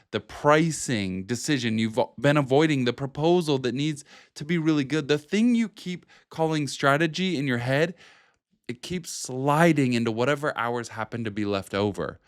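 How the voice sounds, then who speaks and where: A man's voice: mid-range voice, no room sound, clean studio sound. A man hosting an advice video, explaining in a conversational, direct way with short emphatic phrases. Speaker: video host and productivity coach. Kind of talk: talking to camera, explanatory advice.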